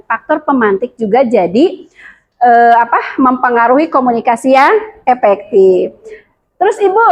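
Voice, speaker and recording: Lively high-voiced Sundanese woman teaching. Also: low-quality recording. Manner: lively, addresses the class with frequent questions. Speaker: teacher at a women's school. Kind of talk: classroom lecture to mothers.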